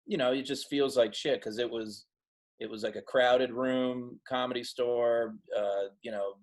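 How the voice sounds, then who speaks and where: Guest comic, man, mid-pitched, dry, laid-back delivery with hesitations. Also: steady tone, a little slow. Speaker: comedian guest. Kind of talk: casual chat.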